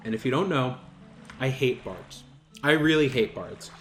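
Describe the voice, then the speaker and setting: A man hosting a gaming channel, telling a story over gameplay in an animated, exasperated and self-mocking way. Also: medium pitch, unhurried, soft background music.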